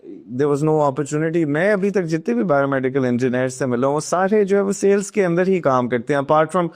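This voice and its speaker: A man's voice: a little high, expressive, normal speed. A man hosting a podcast, asking long, searching questions that pick up on what his guest has said. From Pakistan. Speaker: podcast host. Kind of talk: podcast interview, mixing Urdu and English.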